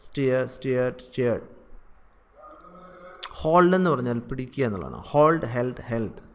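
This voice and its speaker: Male English teacher with a Malayali accent, patient and repetitive, mid-pitched voice. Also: expressive. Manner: drills verb forms slowly and repetitively. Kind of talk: spoken English lesson in Malayalam.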